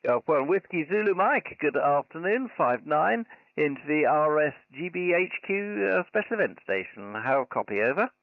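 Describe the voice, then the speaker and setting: A man's voice: a little high, big pitch swings, normal speed, no echo. A man working as an amateur radio operator, with polite procedural patter of call signs and signal reports, slightly muffled. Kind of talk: live ham radio contacts. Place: convention special event station. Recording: slightly muffled, dull sound.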